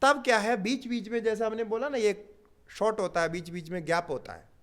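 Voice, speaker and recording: An older man teaching yoga philosophy, explaining patiently with everyday examples and pausing on drawn-out fillers. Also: high voice, fairly bright tone. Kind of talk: spiritual teaching talk.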